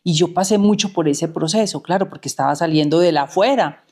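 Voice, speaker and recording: A woman's voice: on the low side, fairly quick, a little mellow. A middle-aged woman, a therapist telling her own story in an anecdotal way and repeating words for emphasis. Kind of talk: personal storytelling.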